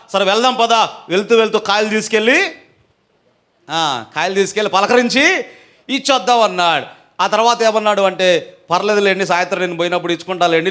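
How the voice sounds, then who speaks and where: High-voiced pastor preaching with emphasis. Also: male voice, fairly bright tone. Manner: storytelling with quoted voices, rising to emphatic preaching; asks the congregation questions and calls for responses. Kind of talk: sermon.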